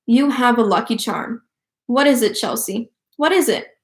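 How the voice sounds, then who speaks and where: A woman's voice: fairly high pitch, normal speed, natural voice. A woman doing a bragging spoiled rich girl. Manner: boastful, bouncy and eager. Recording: roomy echo.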